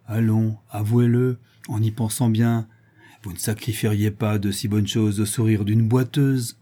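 A man with a fairly low, dark voice reads an audiobook at a measured pace, his pitch barely moving. The character he voices is a proud, worldly signora who mocks and scornfully teases her suitor.

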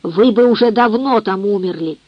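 A woman's voice: mid-range voice, moderate pace, no echo, lightly acted. Woman reading as a tearful reproachful mother. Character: tearful wounded middle-aged mother, sharp. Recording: muffled lo-fi dry recording.

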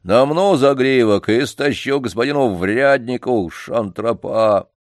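A man doing a gruff threatening yard keeper. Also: mid-range voice, measured pace, dry recording, studio quality, close to an everyday voice. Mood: menacing. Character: gloomy menacing male yard keeper, rough.

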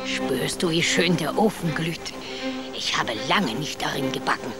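A woman's voice: deep voice, unhurried, loud music behind the voice. An actress playing a cruel, greedy, half-blind old witch in a radio play, cackling and taunting, sometimes dropping to sly whispers.

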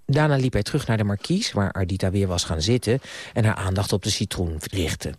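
Expressive male storyteller, dry studio sound. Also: fairly low pitch, fairly quick, slightly rough, dry recording. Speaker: narrator. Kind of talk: scripted narration of a radio story.

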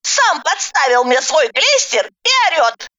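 Woman doing a sly old granny, high lively scolding, lo-fi. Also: a little slow, heavily acted. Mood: indignant. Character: sharp-tongued scheming old grandmother.

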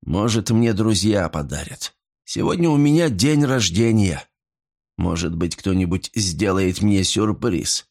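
A man's voice: sits low, expressive, unhurried, darkish tone, heavily acted. An older bearded regular holds court at the bar, grumbling and bragging between sips of whisky. His voice rises and falls a lot, as a man reads the part. Nothing in it sounds like a put-on old-man voice. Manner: grumbling, boastful.

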